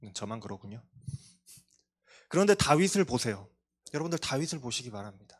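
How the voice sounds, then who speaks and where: A man's voice: medium pitch, very animated, fairly quick, breathy edge. A male pastor giving a sermon to a youth congregation, earnest and confessional, with self-deprecating asides. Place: church.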